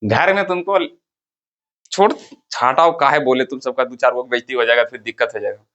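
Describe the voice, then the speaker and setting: A man's voice: medium pitch, brisk, fairly bright tone, highs cut off. A man teaching a class, firing questions at the students and repeating the key terms. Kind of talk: classroom lecture.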